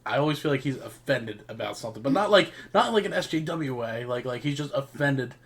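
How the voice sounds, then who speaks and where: A man's voice: mid-range voice, lively intonation, fairly quick. A young man co-hosting a casual podcast, talking in a blunt, joking, profane way. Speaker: podcast co-host.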